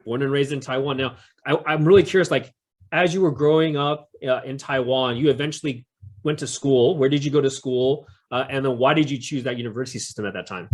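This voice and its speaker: Friendly and curious, the host of this community event introduction and interview talks a little fast in a medium-pitched, darkish voice, his speech full of fillers.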